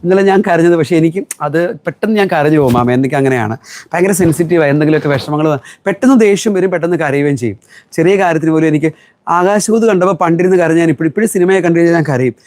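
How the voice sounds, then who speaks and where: A man's voice: fairly high pitch, racing, darkish tone. A middle-aged man from Kerala, a shop owner chatting through a live sales stream and answering viewer comments. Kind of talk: live-stream product selling.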